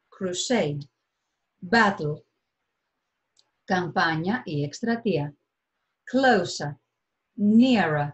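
Woman tutor, slightly low voice. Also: dull audio. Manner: measured, list-like reading, switching between English and Greek. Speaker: English tutor. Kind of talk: vocabulary lesson, reading synonyms with translations.

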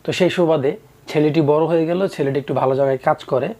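A young man tells a moral tale in an earnest, preachy way. His voice is warm and mellow and sits a little high. He talks straight to his listeners and drives the lesson home. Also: steady tone, quick pace. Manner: earnest, preachy, with acted quotes. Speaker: storyteller. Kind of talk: moral storytelling to camera.

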